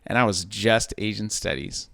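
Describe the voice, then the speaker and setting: A man's voice: on the low side, normal speed, creaky, fairly bright tone, no echo, clean studio sound. A man hosting a podcast, chatting casually with his guest and laughing easily. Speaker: podcast host. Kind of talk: casual interview chat.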